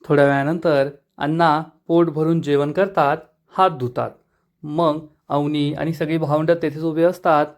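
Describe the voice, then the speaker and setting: High-voiced man retelling a serial. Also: flat delivery, measured pace. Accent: Marathi. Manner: storytelling, reading out dialogue of the characters. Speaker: episode review narrator.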